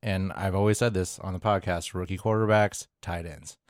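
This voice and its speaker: Very deep-voiced man, laid-back co-host. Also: steady tone, normal speed, no echo, studio quality. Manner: easygoing, joking, hedges with fillers. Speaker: podcast co-host. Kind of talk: casual fantasy football chat.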